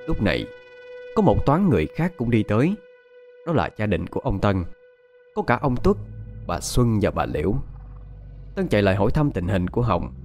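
A man narrating a dramatic folk tale in an expressive storytelling style. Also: fairly low pitch. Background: faint music.

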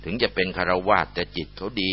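A man doing a calm, soft old abbot. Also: fast, natural voice. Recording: muffled lo-fi recording.

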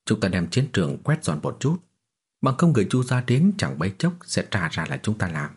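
A cold, self-assured young swordsman from a martial fantasy audiobook, as a male narrator puts him on. His low, husky voice swings widely as he mocks his enemies with calm scorn. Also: a little fast, full character voice. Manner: calm, mocking, cold laughter. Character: cocky young male martial prodigy, coldly smug.

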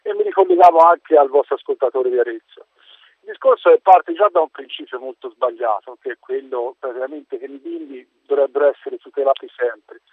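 A man from Prato calling in to a radio show, indignant and halting, often restarting his words. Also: mid-range voice, breathy edge, dry recording. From Prato, Italy. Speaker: caller. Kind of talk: radio call-in opinion. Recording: tinny phone line.

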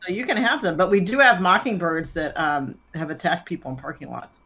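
Bright-voiced, wry woman co-host. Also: on the low side. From Florida. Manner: chatty, wry, quick to laugh. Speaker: podcast co-host, psychotherapist. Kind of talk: casual chat.

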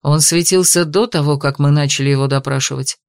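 A woman voicing a stern, menacing male investigator in an audiobook, speaking low and commanding. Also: fairly even intonation, a little fast, a little mellow, no echo, studio quality. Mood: puzzled. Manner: growling, commanding.

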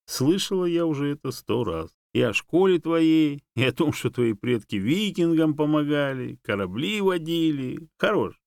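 A mocking, know-it-all female monkey with a raised, lively voice, as a male audiobook reader puts her on. She needles her friend in a sharp, teasing tone, and the voice sits close and dry with no room around it. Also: fairly high pitch, normal speed, gravelly, hardly any pauses, no room sound, pitched above the performer's own voice.

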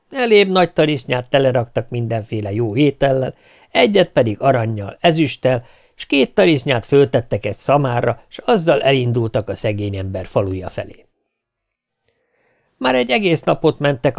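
A man reading a folk tale aloud as an audiobook, with lively, expressive storytelling. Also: medium pitch, no room sound. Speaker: audiobook reader.

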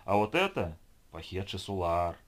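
A man voicing a manic, insane young man who rants gibberish and prophecies in a high, loud voice. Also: big pitch swings, moderate pace. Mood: mysterious gibberish. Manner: grandiose, then whining and hysterical.

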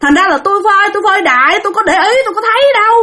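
A woman's voice: fairly high pitch, lively intonation, fast, close to an everyday voice. Woman playing an indignant wrongly accused young woman. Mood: indignant, protesting. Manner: exasperated, protesting.

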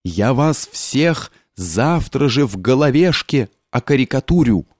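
A man voicing a drunk young journalist who bellows angry accusations in a low, thunderous voice. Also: animated, a little slow, no room sound, clean studio sound. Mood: abusive. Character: drunk, sullen young male journalist, furious.

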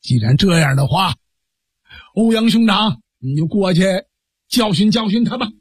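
A male storyteller voicing a courteous senior bandit leader who speaks in a measured, persuasive way. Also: high voice, expressive, breathy edge, no echo, studio quality. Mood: earnest.

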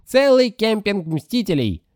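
A man voicing an excitable, shrill teenage boy nicknamed Jackal who yells and giggles in an audiobook. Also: measured pace, no room sound, studio quality. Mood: excited. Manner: yelling, giggling.

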